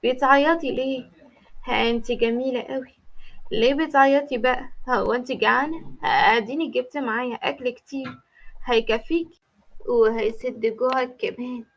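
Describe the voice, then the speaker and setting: A woman doing a gentle Egyptian mother. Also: high voice, moderate pace, muffled recording. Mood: tender. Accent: Egyptian Arabic. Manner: tender, coaxing. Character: gentle caring mother, middle-aged woman, soft-spoken.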